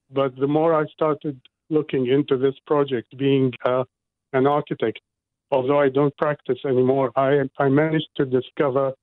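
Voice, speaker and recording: A man's voice: mid-range voice, dry recording. A man from Iraq, a guest on a radio interview, speaking earnestly and indignantly about his home. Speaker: guest, resident. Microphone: phone. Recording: dry tinny phone line.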